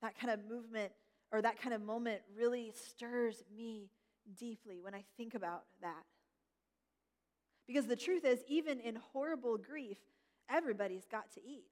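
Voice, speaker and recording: High-voiced woman pastor, gentle reflective sermon, slows down on the big words, long hall echo.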